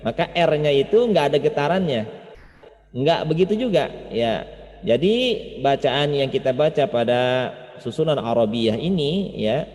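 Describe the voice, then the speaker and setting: A man's voice: mid-range voice, expressive, a little slow, darkish tone. A man teaching Quran recitation informally in an online class, explaining and repeating words and syllables to demonstrate, in muffled, reverberant audio. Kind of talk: informal lesson with chanted demonstrations. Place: online class over Zoom, reverberant sound.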